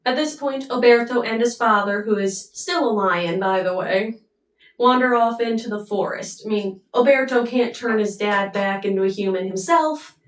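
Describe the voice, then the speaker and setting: A woman retelling an opera plot in a chatty, casual way, with pauses and asides. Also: mid-range voice. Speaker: storyteller summarizing an opera. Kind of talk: casual storytelling. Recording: roomy, mic at a distance.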